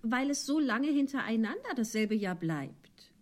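A man voicing a polite, curious young girl in a storybook reading, in a high put-on voice. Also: sing-song, a little slow, exaggerated voice. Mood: earnest. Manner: earnest, polite.

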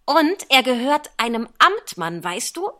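A woman reading the part of Alice, an eager and polite young girl, with a lively, gushing delivery. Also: high-pitched, a little slow, heavily acted.

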